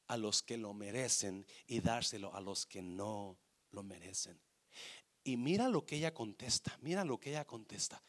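A male pastor preaching a sermon with passion, calling out to the congregation and swinging from hushed to shouting. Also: medium pitch. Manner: calls out to congregation.

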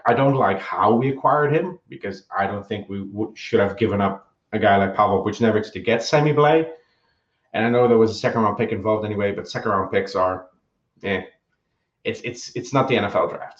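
A man giving his opinions in a casual podcast chat, often hesitating with ums and restarting his sentences. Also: on the low side. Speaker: guest analyst. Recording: echoey, dull lo-fi remote audio.

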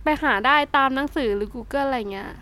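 A young woman with a Thai accent, giving a casual spoken English lesson, chatty, swearing now and then, reading out word lists slowly. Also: high voice, sharp tone. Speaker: English tutor.

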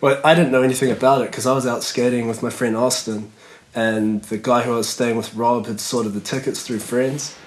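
A man's voice: medium pitch, steady tone, fairly quick, low-quality recording. A man, a skateboarder chatting as a podcast guest in a laid-back, rambling way full of fillers. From New Zealand. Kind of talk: casual podcast chat.

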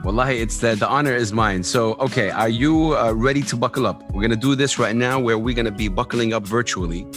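A man's voice: medium pitch, fast, fairly bright tone. A man hosting an interview show, talking in an enthusiastic, rambling way full of fillers. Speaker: podcast host. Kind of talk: casual interview talk. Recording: dull lo-fi sound, faint music.

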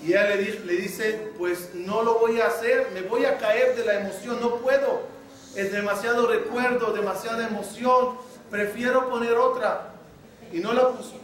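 A man, a rabbi, telling a story in a sermon, acting out the dialogue with lively energy. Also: extremely high pitch, moderate pace. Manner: animated storytelling, acts out dialogue. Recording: echoey room from a distant mic, faint noise.

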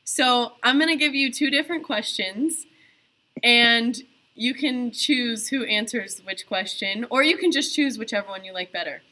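A woman's voice: fairly high pitch, normal speed, pushed and bright, rough recording. A woman hosting a podcast interview, upbeat and friendly as she asks questions. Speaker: podcast host.

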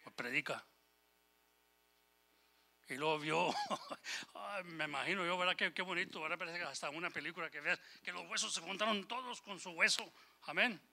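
A man preaching a sermon with passion, swinging between loud exhortation and quiet asides, quoting scripture and voicing God's words. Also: high voice, normal speed, creaky, pauses often. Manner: impassioned, rising and falling in volume, quotes scripture and God's voice; switches briefly into English phrases. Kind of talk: Spanish-language sermon.

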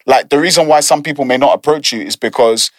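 A man's voice: fairly high pitch, fast talker, no room sound. London guy, pastor type, earnest casual chat, slangy, dry close sound. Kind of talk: casual conversational discussion.

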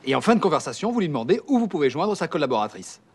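An impatient, sarcastic schemer in a film scene, talking fast with a lively, fairly high voice. He sounds brisk and condescending, barely hiding his exasperation. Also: husky, exaggerated voice. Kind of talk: film dialogue.

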